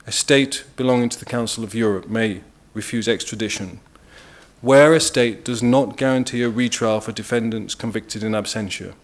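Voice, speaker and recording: Measured British man giving a legal briefing. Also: mid-range voice. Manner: measured and deliberate, stressing key words. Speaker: international lawyer speaking at a press briefing. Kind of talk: formal legal presentation.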